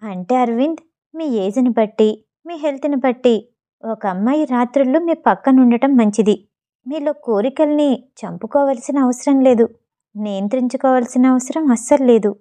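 A woman voicing an earnest, self-reliant young actress in an audiobook story, speaking with quiet conviction. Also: high-pitched, moderate pace, natural voice.

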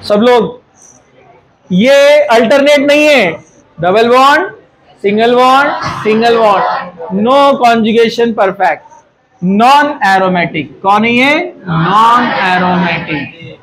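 A man's voice: extremely high pitch, slow, pauses often, fairly bright tone, low-quality recording. A man teaching a chemistry class in Hindi. He quizzes the students, scolds them and jokes with them. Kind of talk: classroom lecture.

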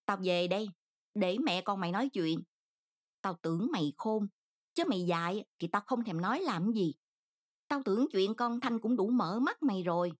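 A woman's voice: medium pitch, animated, normal speed, close to an everyday voice. Woman voicing a harsh scolding aunt. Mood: scornful. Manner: harsh, reproachful.

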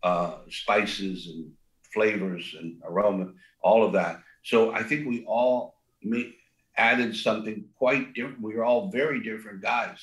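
An older man who co-founded a restaurant rambles through a casual interview with a big voice, many fillers and restarts. His pitch is fairly low and his pace a little slow, captured in an echoey room with poor audio.

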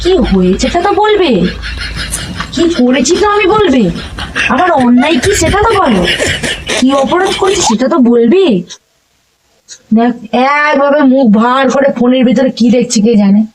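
A woman's voice: high-pitched, sing-song, moderate pace, pauses often, noisy background. A young woman with a Bengali accent, coaxing and pleading with her husband, exasperated when he ignores her. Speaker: wife in a prank video.

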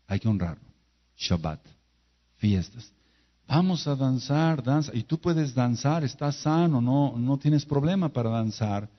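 A man's voice: mid-range voice, expressive, unhurried. A man preaching a sermon, full of rhetorical questions and repeated phrases. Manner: emphatic, rhetorical questions and repetition. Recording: dull lo-fi video audio.

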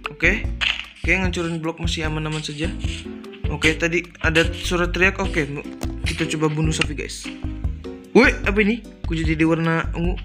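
A young man from Indonesia giving casual, excitable gameplay commentary for his channel, chatty and quick to exclaim. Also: a little high. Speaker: gaming YouTuber. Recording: game music loud behind voice. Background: game music and sound effects.

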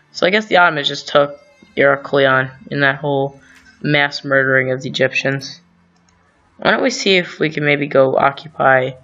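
A man's voice: fairly high pitch, bright, forceful tone. A man hosting a gaming channel, thinking aloud through strategy game commentary with rambling asides and self-corrections. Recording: dull lo-fi sound, faint music.

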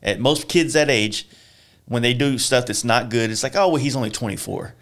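A man's voice: medium pitch, normal speed, a bit bright. Laid-back swearing podcast host, man. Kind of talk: casual interview chat.

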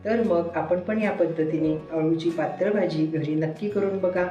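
A woman host giving calm, homely step-by-step cooking narration. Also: fairly low pitch, moderate pace, roomy sound, lo-fi sound, soft background music. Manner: calm, homely, repeats 'chhan' and 'mast'.

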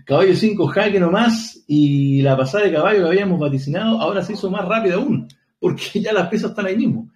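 Male streamer, chatty chess commentator, slightly high voice, thinks aloud and jokes. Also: fast, darkish tone. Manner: chatty, joking, thinks aloud with short laughs. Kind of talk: live chess game analysis.

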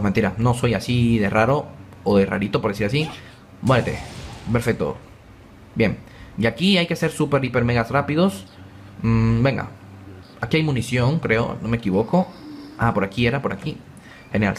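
Young man, let's play commentary, excitable and joking, mid pitch, faint hiss. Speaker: gaming YouTuber.

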